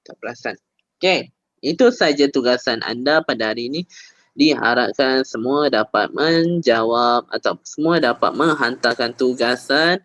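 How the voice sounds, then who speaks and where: Male teacher, patient and encouraging, mid-pitched voice, dry close recording. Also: normal speed, dry recording. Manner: gentle, encouraging, repeats example sentences with changing intonation. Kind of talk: online grammar lesson.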